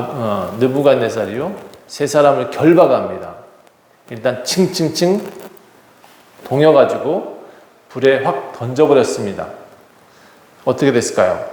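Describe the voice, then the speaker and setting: A male pastor preaching a sermon, retelling a scripture story with acted dialogue and lively emphasis. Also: a little high. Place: church sanctuary. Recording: echoey hall reverb.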